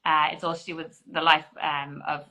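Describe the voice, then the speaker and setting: Woman GP, forties, clear bright delivery, talks things through with fillers and restarts. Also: sits low, level tone, normal speed, poor audio. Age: 40s. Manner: explanatory, frequent restarts and fillers. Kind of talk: conversational interview answers.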